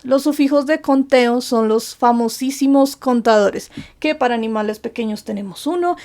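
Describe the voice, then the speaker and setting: A woman teaching a grammar lesson from slides, patiently asking rhetorical questions and then answering them. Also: fairly high pitch. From Colombia. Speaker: Japanese teacher. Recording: faint background music.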